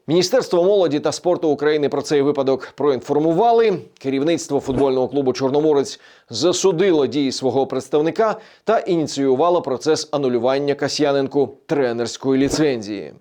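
A man presenting a weekly regional news roundup in a measured, scripted delivery. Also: a little high, warm tone.

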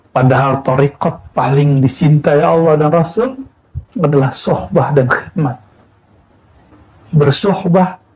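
A man in his thirties from West Sumatra, preaching calmly to students with rhetorical questions and a frequent "ya". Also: a little high, poor audio. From West Sumatra, Indonesia. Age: 30s. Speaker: Islamic preacher. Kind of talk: sermon to students.

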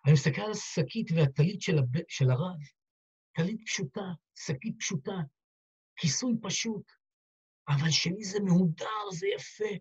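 A man's voice: high-pitched, big pitch swings, husky. A man, a rabbi, telling a heartfelt story in a dramatic sermon style, acting out the dialogue. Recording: dull lo-fi recording.

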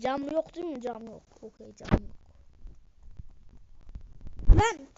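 A woman streamer giving live gameplay commentary, excitable and swinging between low mutters and sudden outbursts. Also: moderate pace, creaky, background noise. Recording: muffled lo-fi screen recording.

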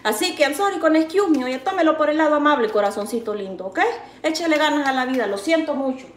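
A woman's voice: high-pitched, animated, fast. A woman with a Salvadoran accent chatting casually on her vlog, reading viewer comments and consoling them with fond pet names while she makes tortillas. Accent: Salvadoran Spanish. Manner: affectionate, calls viewers sweet pet names; consoling, folksy and talkative. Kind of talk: casual live-stream chat. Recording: echoey room with faint background noise.

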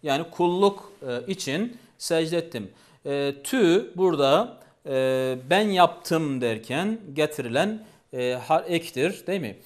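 A man's voice: a little high, lively intonation, a little slow. A man teaching a language lesson, patiently repeating each phrase and asking questions.

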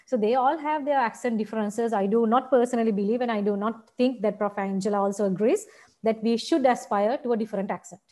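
A woman's voice: on the high side, fast, dark tone. A woman with a Sri Lankan accent giving a teacher-training seminar, explaining point by point and checking in with "right?". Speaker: seminar lecturer.

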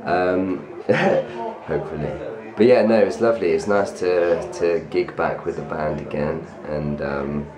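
A man with a hoarse, lost voice, answering interview questions in a jokey, rambling way with laughter. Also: low-pitched, steady tone, normal speed, hardly any pauses, reverberant, crowd noise. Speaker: band frontman interviewed.

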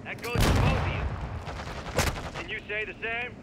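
A man's voice: sits high, slow pace, very noisy. An actor playing a cocky, ruthless mercenary commander who taunts his enemies in a drawl and mixes in Spanish, heard as video game dialogue. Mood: menacing. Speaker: villain. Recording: game audio under loud gunfire.

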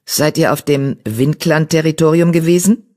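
A woman's voice: low-pitched, moderate pace, mellow, lightly acted. A woman voicing a suspicious young male cat in an audiobook, speaking in a hissing, wary way.

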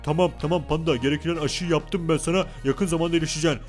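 A man's voice: fairly high pitch, steady tone, fast talker, soft background music, close to an everyday voice. A man voicing a kindly adult male doctor in a hospital game, soothing and reassuring.

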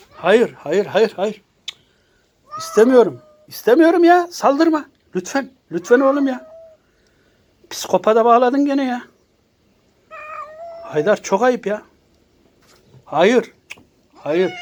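A man's voice: high voice, animated, takes it slowly, pauses often, slight background noise. Man scolding his cat in sing-song. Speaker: cat owner filming his pet. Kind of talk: playful scolding of a pet. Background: cat meowing.

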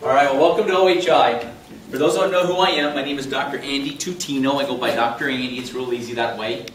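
A man in his fifties, a chiropractor teaching a live class, animated and jokey, slipping into quoted voices. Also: medium pitch, fast. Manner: animated, jokey, talks with big hand gestures and quoted voices. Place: meeting room with projector screen. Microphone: far camera in the room. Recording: roomy and distant with faint hum.

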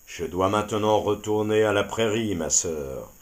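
A huge, wise old bison from a storybook, speaking in a deep, low voice, as a man acts him out. He takes his time, unhurried and solemn, every word calm and weighty. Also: natural voice. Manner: slow, deep, solemn speech. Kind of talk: storybook character voice.

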